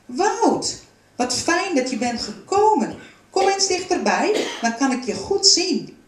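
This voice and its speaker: A woman's voice: mid-range voice, big pitch swings, a little slow. A woman voicing a kindly, fatherly old male woodcarver in a storybook reading, speaking strongly and with emphasis. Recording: roomy, from a distance.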